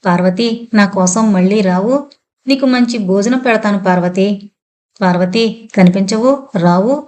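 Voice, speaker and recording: A woman's voice: mid-range voice, a little slow, darkish tone, natural voice. Brief: young daughter, frightened but dutiful, pleading call, a woman doing the voice. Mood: earnest calling. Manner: earnest, calling out repeatedly.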